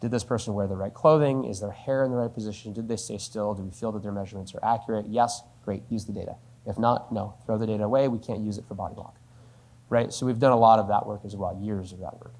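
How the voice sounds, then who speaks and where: Fast and fairly even in intonation, a low, slightly mellow male voice walks through a business question point by point. He's a company spokesperson in a conversational Q&A, and "right?" keeps popping up at the ends of his sentences.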